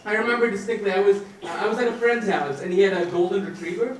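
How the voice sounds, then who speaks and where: A young man performs stand-up in a very high voice, tripping over his words and now and then breaking into shouts. The sound is strongly echoey, as if the room swallows him. He sounds set back from the microphone. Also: fast talker, slight background noise. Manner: rambling, stammering delivery with shouted outbursts. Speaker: stand-up comedian. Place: comedy stage in front of a live audience. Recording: echoey room, mic heard from a distance.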